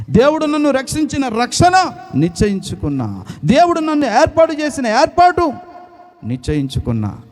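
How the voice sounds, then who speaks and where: A man in his forties preaching a sermon in church, with a Telugu accent, moving between loud proclaiming and low, intimate tones. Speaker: pastor.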